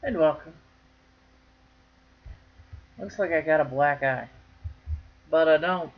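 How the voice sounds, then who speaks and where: A woman's voice: low-pitched, slow pace. Lady chatting to her camera about crafts, folksy and jokey, kinda muffled lo-fi sound. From northern Michigan. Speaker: crochet vlogger. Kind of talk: casual chat to camera.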